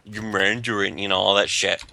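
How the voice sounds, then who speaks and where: A man's voice: fairly low pitch, level tone, brisk, gravelly, sharp tone, slight background noise. A man chatting casually as a podcast host, rambling and profane with lots of restarts. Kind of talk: casual chat.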